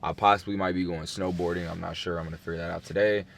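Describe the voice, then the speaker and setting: A man's voice: low voice, flat delivery, quick pace, vocal fry, a little hiss or hum. A young man casually vlogging to camera in a laid-back, slangy way. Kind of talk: casual vlog talk to camera. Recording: background music throughout.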